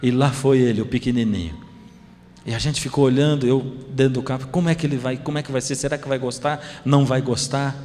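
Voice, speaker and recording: A man's voice: mid-range voice, steady tone, brisk, darkish tone, long reverb tail. A man with a Brazilian Portuguese accent, a pastor telling a family story in a sermon and acting out the dialogue.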